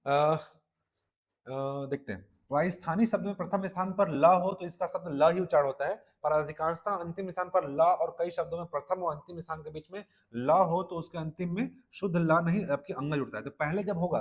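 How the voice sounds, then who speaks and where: Casting: a male Hindi teacher with a Chhattisgarhi accent, fairly high voice, lecturing for exam prep and quizzing the class. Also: normal speed. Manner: repeats "ठीक है" and quizzes listeners.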